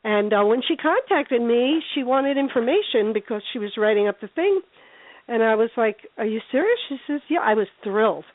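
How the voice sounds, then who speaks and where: A woman from New Jersey talks as a guest in an emphatic, chatty storytelling way, often repeating herself. Her voice sits a bit high. It comes over a dry, narrow phone connection. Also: expressive, normal speed, dry recording. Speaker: guest paranormal investigator. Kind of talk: casual storytelling chat. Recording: dry, tinny phone line.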